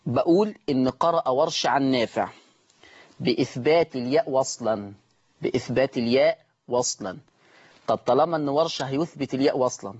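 A man with an Egyptian accent teaching Quran recitation on a call-in lesson, repeating each word slowly and stretching out the recited forms. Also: medium pitch, lo-fi sound. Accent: Egyptian Arabic.

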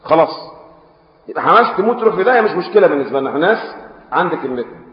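A man with an Egyptian Arabic accent gives a religious lesson in a rapid, fairly high voice. He hits key words hard, drops into quiet asides and keeps asking his listeners questions. The sound is roomy with a long hall reverb and a dull, lo-fi tone. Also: big pitch swings. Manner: switches between loud emphatic stresses and quiet asides, asks the audience questions. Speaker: preacher. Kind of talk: religious lesson explaining classical texts.

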